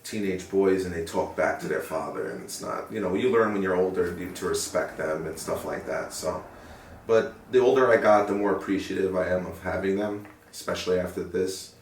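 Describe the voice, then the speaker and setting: A young man speaking in an interview in an earnest, reflective way, often pausing to search for words. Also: deep voice, slight background noise. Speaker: interviewee, paramedic. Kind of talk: sit-down interview. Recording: roomy sound from a distant mic.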